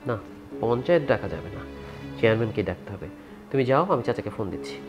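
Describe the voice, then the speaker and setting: A man's voice: medium pitch, animated, fast, over music, close to an everyday voice. An actor playing a henpecked elder son who sides with his wife against his mother. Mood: placating. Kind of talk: village TV drama acting.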